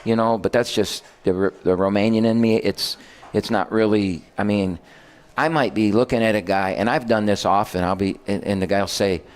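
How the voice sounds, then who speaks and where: An older man who works as a basketball head coach spins rambling stories on a casual radio chat, correcting himself as he goes. His voice sits on the low side, with fairly even intonation, a normal pace, and a smooth delivery.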